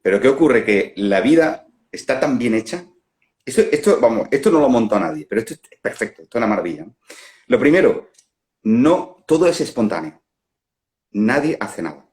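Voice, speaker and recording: Via a phone on a live stream, a medium-pitched man with a Spain Spanish accent muses his way through a reflective spiritual talk. The non-duality facilitator is unhurried and laughs at his own examples.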